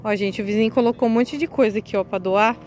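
A woman's voice: medium pitch, fast, darkish tone, low-quality recording. A woman, chatting eagerly to her viewers while she shows things outdoors on a street. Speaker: vlogger. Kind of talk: casual vlog walkthrough.

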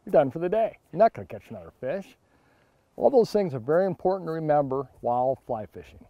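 Brief: middle-aged male outdoors vlog host, casual, jokey, bright exclamations, a bit high-pitched. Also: fast, no echo, lo-fi sound. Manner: excitable, jokey, exclaims when a fish hits. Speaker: fly fishing channel host. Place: outdoors on a windy river.

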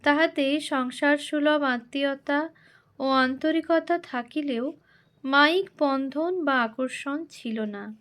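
A woman reads a devotional biography in formal literary prose. Her voice sits high and her pace is slow and deliberate, with a steady, reverent recitation throughout. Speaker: narrator. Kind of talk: reading a devotional biography aloud.

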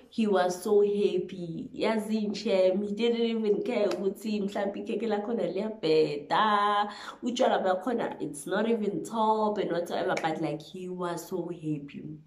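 A woman in her twenties with a South African accent tells a story casually to the camera. She is animated and emphatic, slipping between two languages as she goes. Her voice sits at a middle pitch, recorded in an echoey living room. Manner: animated and emphatic, hand-waving, chatty. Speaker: vlogger telling a storytime. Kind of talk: casual storytelling to camera, mixing English and Zulu. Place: small living room, indoors.

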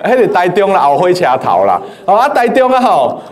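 Male lecturer with a high voice, playful and lively, quizzing his class. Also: fairly quick, some chatter behind. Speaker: teacher.

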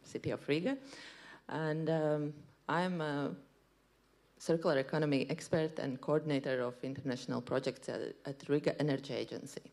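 A woman in her thirties from Latvia, speaking as a panelist on a conference stage into a handheld mic, polite and measured with some hesitations. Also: sits low, steady tone, darkish tone. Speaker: panelist, circular economy expert. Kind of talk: panel remarks.

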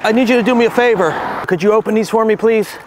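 A man's voice: high voice, fast talker, noisy background. A middle-aged man pulling a street prank, pleading and overly grateful as he begs strangers for help outdoors.

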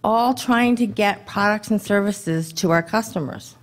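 Brisk woman presenting at a podium. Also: mid-range voice. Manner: brisk, conversational, rhetorical questions to the audience. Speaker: government contracting presenter. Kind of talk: conference presentation. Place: dim conference hall. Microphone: podium microphone.

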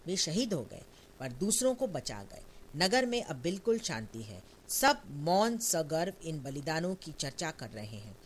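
A man's voice: fairly high pitch, big pitch swings, a little slow, slight background noise. A reader playing a wounded man in a stage play who speaks firmly and solemnly. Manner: firm, solemn speeches.

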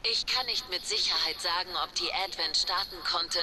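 An actress playing a composed starship captain who gives a formal, measured report as a sci-fi communicator transmission. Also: female voice, on the low side, noisy background. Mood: grave. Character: composed female starship captain, grave and decisive. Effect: sci-fi communicator transmission, a recorded radio message. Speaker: ship captain in a recorded log. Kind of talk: video game voice acting.

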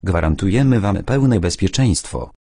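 A man's voice: deep voice, expressive, normal speed, warm tone, no echo, clean studio sound. A man voicing a stern male steppe militia leader who bargains bluntly in an audiobook. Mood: bargaining. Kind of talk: audiobook character voice.

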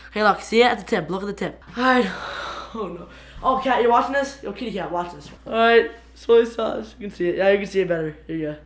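A woman hosting a casual home vlog, excitable and rambling, dropping 'frick' and 'bro' constantly as she moves around her kitchen. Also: mid-range voice, quick pace. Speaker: channel host. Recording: echoey room.

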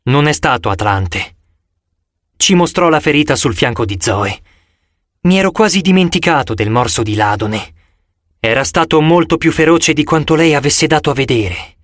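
Expressive male audiobook narrator. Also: on the high side, normal speed, no echo, studio quality. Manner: dramatic, expressive first-person reading.

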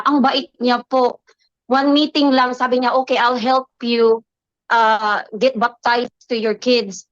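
A woman's voice: high-pitched, a bit bright, no echo. A woman in her thirties giving an earnest personal faith testimony, switching between Tagalog and English as she tells her story. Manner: earnest, mixes Tagalog and English, acts out quoted dialogue. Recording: slightly dull lo-fi, dry sound.

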